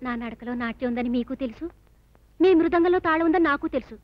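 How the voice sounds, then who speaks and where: An actress playing a calm, coaxing sister-in-law in a film scene. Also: female voice, high-pitched, fairly quick, no room sound, lightly acted. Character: gentle, soothing sister-in-law. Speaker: film character. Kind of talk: film dialogue. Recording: dull, lo-fi film soundtrack with music.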